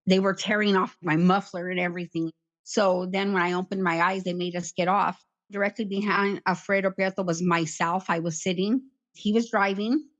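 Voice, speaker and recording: A middle-aged woman recounting her past in an interview, in a plain, halting way with many "like" fillers. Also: fairly low pitch, steady tone, a bit bright, lo-fi sound. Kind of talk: personal account in conversation.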